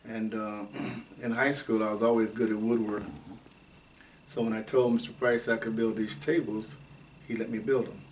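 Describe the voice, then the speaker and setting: A man in his eighties from Ohio, telling his life story in an oral history interview at an unhurried, rambling pace with many fillers. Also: on the low side, level tone. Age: 80s. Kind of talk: unscripted life-story reminiscing. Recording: distant mic with faint background noise.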